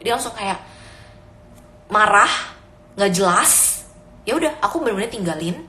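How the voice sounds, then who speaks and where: A woman's voice: mid-range voice, animated, unhurried, bright, forceful tone. A young woman and mother giving casual, earnest parenting advice, mixing Indonesian and English as she talks. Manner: mixes Indonesian and English freely; earnest, advising. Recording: echoey room with faint ambience.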